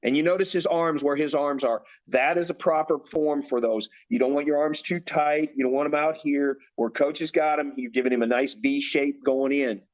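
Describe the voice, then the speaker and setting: A man with a somewhat high voice leads a posing lesson for bodybuilders. He gives short, direct cues and often repeats them. He talks like a coach guiding an athlete through each pose. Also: steady tone, moderate pace, few pauses. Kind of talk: instructional demonstration.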